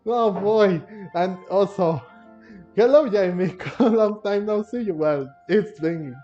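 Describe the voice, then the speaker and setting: A gaming streamer with a high-pitched, warm voice talks slowly over a game playthrough, rambling casually and repeating himself, chuckling between phrases. The mic sounds dull and muffled, with faint game music underneath.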